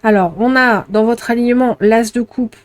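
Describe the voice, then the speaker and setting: Gentle, chatty French-speaking woman reading tarot. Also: on the high side, moderate pace, no echo. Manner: gentle, chatty, many fillers and repeats; speaks to unseen spirit guides while drawing. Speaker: tarot card reader. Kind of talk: intuitive tarot reading to camera.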